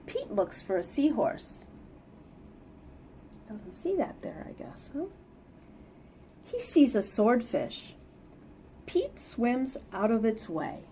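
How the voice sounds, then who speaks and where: In a small, plain indoor room, a middle-aged woman reads a children's picture book aloud as a storyteller, animated and expressive, with sing-song emphasis for young listeners and casual asides. Her voice is fairly high, and she takes it slowly with long pauses. There is slight background noise.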